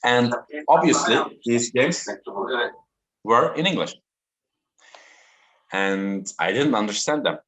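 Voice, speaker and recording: A man in his thirties from Turkey, a native Turkish speaker giving an online talk to students slowly and deliberately over a video call. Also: mid-range voice, expressive, a bit bright. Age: 30s. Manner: slow, deliberate and interactive.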